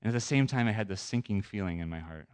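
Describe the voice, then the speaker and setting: A man's voice: fairly low pitch, lively intonation, fast, clear, resonant tone. A man giving a personal testimony in a conversational, earnest and self-deprecating way.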